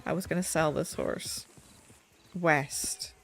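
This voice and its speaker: This woman's low, gravelly, slightly nasal voice stays fairly even and slow as she gives casual, self-deprecating commentary on the game she's streaming. A little hiss or hum comes through her desk mic, which is set back a bit.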